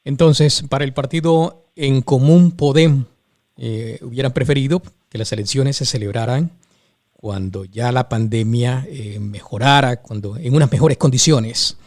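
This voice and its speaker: A man hosting a radio interview, speaking conversationally in measured short phrases. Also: mid-range voice, darkish tone, no room sound, studio quality.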